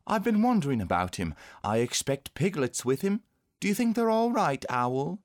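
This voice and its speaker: Young storybook boy, put on by a narrator, high voice, very lively, earnest, tender-hearted, childlike. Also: moderate pace, close to an everyday voice. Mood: worried, fond.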